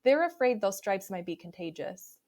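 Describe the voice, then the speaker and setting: A woman's voice: mid-range voice, expressive, normal speed, a little mellow, close to an everyday voice. A woman voicing a male school principal in a storybook, formal, polite and apologetic but firm.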